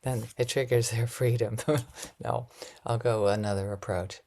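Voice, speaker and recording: A woman teaching a loving-kindness meditation in a soft, often half-whispered, gentle and reflective way, with light laughs at herself. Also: very deep voice, steady tone, moderate pace.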